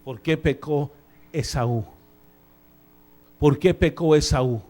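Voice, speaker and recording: A male pastor with a slightly high voice preaches slowly in a church sanctuary. His delivery comes in animated bursts, shifting from forceful emphasis to quiet asides, with the odd English phrase mixed in.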